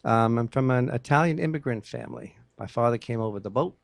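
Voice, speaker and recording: A man's voice: mid-range voice, quick pace, vocal fry, no room sound. An older man from New York City, a music producer talking casually as a radio guest, rambling with many fillers. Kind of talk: casual interview talk. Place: radio studio.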